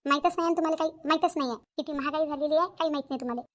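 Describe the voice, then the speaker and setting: A woman's voice: high voice, very fast, a bit bright. A woman voicing a nagging, thrifty older mother-in-law in a cartoon comedy, scolding and repeating herself. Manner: scolding, repetitive.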